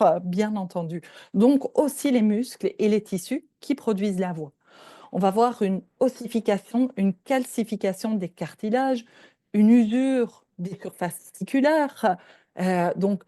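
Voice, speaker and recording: A woman's voice: mid-range voice, mellow, dry recording, clean studio sound. An older woman from Belgium, a professor giving a lecture and explaining points step by step, often checking in with her listeners. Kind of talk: lecture presentation.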